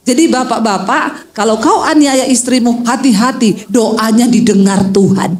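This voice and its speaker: High-voiced woman pastor telling a story. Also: measured pace. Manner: animated, acts out quoted voices, addresses the crowd directly. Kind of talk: storytelling sermon. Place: outdoor field gathering.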